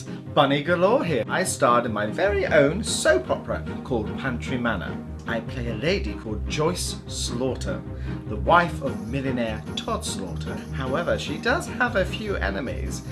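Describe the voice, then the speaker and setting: A woman's voice: rumbling low, very animated, unhurried, exaggerated voice. A woman playing a sultry, glamorous soap star hostess with a theatrical femme fatale manner. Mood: sultry, teasing. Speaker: show hostess and soap actress. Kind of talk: scripted in-character introduction. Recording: loud music under the voice.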